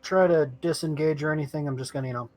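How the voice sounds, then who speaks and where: A man playing a tabletop game, talking in a laid-back, crude, deliberate way. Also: fairly high pitch, steady tone, darkish tone, soft background music. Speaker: player. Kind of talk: casual banter at a game table. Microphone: headphones with mic over voice chat.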